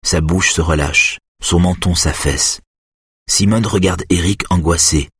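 Brief: male audiobook narrator, deep and very husky voice, steady measured reading. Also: no echo, studio quality. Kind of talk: scripted narration.

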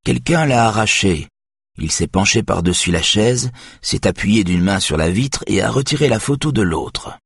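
Brief: man doing a calm, methodical detective in an audiobook, low husky voice. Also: moderate pace, no echo, clean studio sound, heavily acted. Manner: calm, reasoning aloud. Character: calm, observant male detective.

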